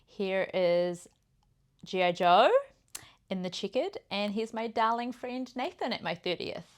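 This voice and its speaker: A woman's voice: mid-range voice, measured pace. A woman, hosting a podcast and chatting cheekily through party photos. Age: 30s. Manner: cheeky, loud, laughing. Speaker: podcast host. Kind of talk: casual chat showing photos.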